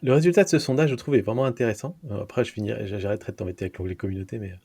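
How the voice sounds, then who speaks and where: A man's voice: fairly low pitch, racing, mellow, husky. A man hosting a podcast, interviewing his guest casually, thinking aloud with frequent fillers. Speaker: podcast host.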